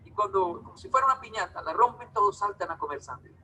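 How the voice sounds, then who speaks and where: A man's voice: high voice, quick pace, background noise. A man from Bogotá with a Bogotá Colombian accent, telling stories in a talk with irony and acting out the people in them. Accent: Bogotá Colombian Spanish. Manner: animated, ironic storyteller acting out dialogue. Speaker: speaker giving a talk. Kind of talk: storytelling talk to an audience.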